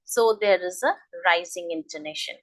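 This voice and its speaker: With a lowish voice and poor audio quality, a woman runs an English speaking lesson as a coach. Her teaching is halting and demonstrative, and she puts stress on the key terms.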